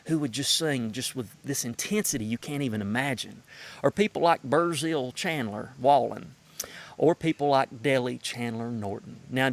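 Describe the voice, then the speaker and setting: A man from the North Carolina mountains with a Southern Appalachian accent, giving a prepared introduction in a folksy storytelling way with emphatic phrasing. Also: medium pitch. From Madison County, North Carolina mountains, United States.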